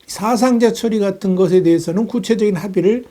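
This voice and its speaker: A man delivering a steady, measured news analysis, reading reports with the occasional filler. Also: high voice. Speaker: news commentator.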